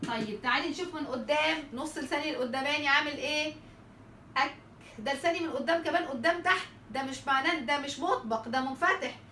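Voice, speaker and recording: Teaching tajweed letter articulation, this woman with an Egyptian Arabic accent speaks quickly with few pauses in a high, sharp voice. She asks and answers her own questions and repeats sample sounds, captured through a distant mic in a roomy space with a little hiss or hum.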